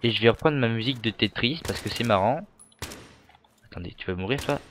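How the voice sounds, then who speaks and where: A teenage boy giving casual, excitable gameplay commentary from his bedroom, joking and swearing freely. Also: medium pitch, brisk, a little hiss or hum. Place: bedroom at home.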